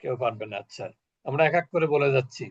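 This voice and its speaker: A man's voice: medium pitch, fast talker, breathy edge, muffled recording. A man teaching a Quran recitation class over a video call, explaining patiently and asking the class questions.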